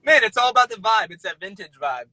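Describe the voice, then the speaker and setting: A young adult man from the American Midwest, a singer-songwriter, chats enthusiastically as a guest in a casual interview on a live video call. His high voice is very animated and fast, and his manner is upbeat. The background is noisy.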